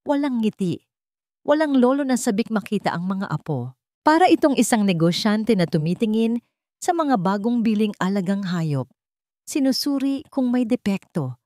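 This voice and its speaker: A woman storyteller narrates a scripted dramatic tale in a medium-pitched, sing-song, darkish voice at a moderate pace. The recording is studio quality with no room sound.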